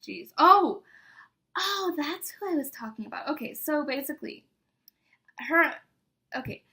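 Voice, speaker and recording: A woman's voice: sits high, animated, a little slow, sharp tone. A young woman chatting casually to viewers as she reads aloud from an old diary, embarrassed and poking fun at herself. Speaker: vlogger.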